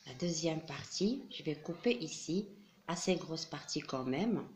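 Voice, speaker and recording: A woman explaining a classroom craft step by step, patient and methodical, with frequent pauses and fillers. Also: deep voice, expressive, noisy background. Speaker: teacher.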